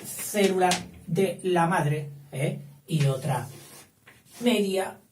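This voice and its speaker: A man's high, darkish voice stretches out his words as he teaches a school lesson. He strays into side topics, corrects himself, and frequently checks in with "eh?". The room sounds spacious, the mic distant, with faint noise behind.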